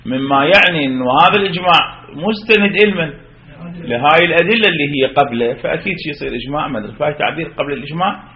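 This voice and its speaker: A man's voice: a little high, animated, very fast, sharp tone. A man with an Iraqi accent giving a seminary lecture on religious law, who keeps asking rhetorical questions and answering them himself. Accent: Iraqi Arabic. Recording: roomy, dull lo-fi.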